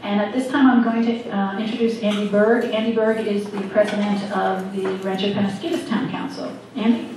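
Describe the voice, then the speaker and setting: A woman's voice: medium pitch, little pitch movement, a little fast, hardly any pauses, background noise. A woman giving housekeeping announcements at a community event, hesitant with many ums. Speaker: event organizer. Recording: echoey hall from far off.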